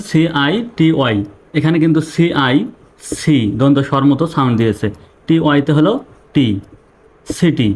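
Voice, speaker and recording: A man teaching English pronunciation in an online video lesson, speaking. He is patient and repetitive, asking questions and answering them himself. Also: fairly high pitch.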